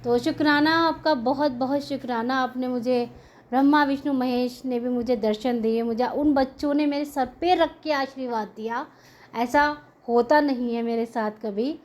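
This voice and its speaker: A middle-aged woman gives a devotional testimony to her fellow devotees. She speaks earnestly and warmly, with deep gratitude in her telling. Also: steady tone, moderate pace. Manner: earnest, grateful, heartfelt storytelling. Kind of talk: devotional testimony to a prayer group.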